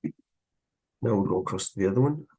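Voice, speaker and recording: A man teaching woodcarving live, chatting in a relaxed way as he works, a little out of breath. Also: deep voice, normal speed, husky. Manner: relaxed, chatty, talks while working. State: slightly out of breath. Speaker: woodcarving instructor. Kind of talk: live carving tutorial.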